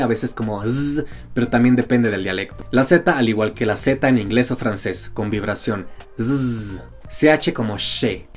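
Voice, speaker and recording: A man narrating a scripted language lesson, slowly sounding out letters and example words. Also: medium pitch. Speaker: language teacher on a video channel.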